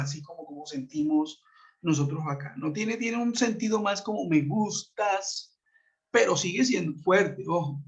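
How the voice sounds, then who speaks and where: A man teaching an online class, explaining patiently, checking in with his students and reading example sentences slowly. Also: a little high. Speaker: English teacher. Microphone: computer mic on a web conference. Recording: muffled web-conference audio.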